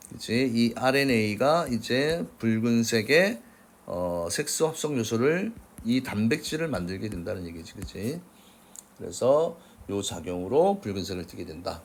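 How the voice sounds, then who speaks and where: A man teaching science, working through workbook problems in a casual lecture and often checking with "그치?". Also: fairly low pitch. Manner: casual, checks in with frequent "그치?" tags; refers to himself as 쌤.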